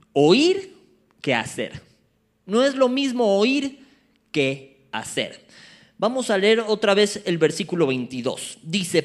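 A man gives a sermon from the pulpit. His voice sits high and swoops up and down with animated energy, and he breaks off now and then to banter with his listeners. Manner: animated, playful asides to the congregation. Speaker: preacher.

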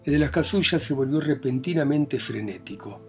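A man reading a novel aloud as narrator, in a plain, measured telling that lifts his pitch and volume when voicing characters. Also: lively intonation, faint music behind. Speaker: audiobook narrator.

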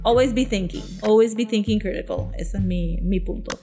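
A woman's voice: medium pitch, moderate pace, over loud music. A woman with a Caribbean Spanish accent from Puerto Rico, speaking casually and with opinion as a podcast co-host, often switching into English. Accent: Puerto Rican Spanish.

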